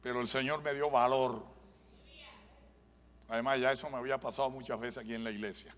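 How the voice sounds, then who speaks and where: A man's voice: mid-range voice, fairly even intonation, fairly quick, fairly bright tone, slight background noise. A male pastor giving a live sermon, telling a dramatic story and building to fervent preaching in a church. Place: church sanctuary. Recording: long church hall reverb.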